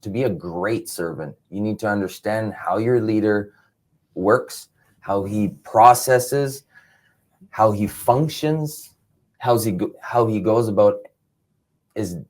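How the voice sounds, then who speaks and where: A man reading out teaching points on serving a leader, earnest and halting, with frequent restarts. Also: on the low side. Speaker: ministry teacher. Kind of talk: reading points and explaining them.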